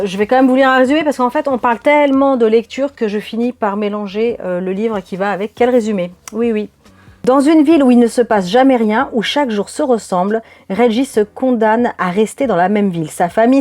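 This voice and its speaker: A woman's voice: fairly high pitch, darkish tone. A woman vlogger chatting through her latest manga purchases and reading the blurbs on the back aloud. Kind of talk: casual manga haul video.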